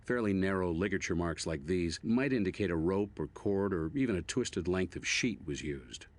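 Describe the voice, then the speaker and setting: Very deep-voiced American medical examiner. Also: male voice, expressive, normal speed. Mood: matter-of-fact. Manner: matter-of-fact, instructive. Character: dry, methodical older male medical examiner. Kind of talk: scripted video game dialogue.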